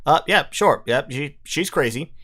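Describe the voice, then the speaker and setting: A man's voice: fairly high pitch, expressive, unhurried, a bit bright, husky. A man playing a game, commenting casually, reacting with swearing and disbelief, and reading event text aloud. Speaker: let's play gamer. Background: game music.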